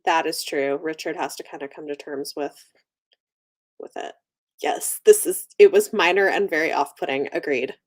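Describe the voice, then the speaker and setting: On her book channel's livestream, a woman chats casually about books, musing aloud as she goes. She has a low-pitched voice and talks at a normal speed.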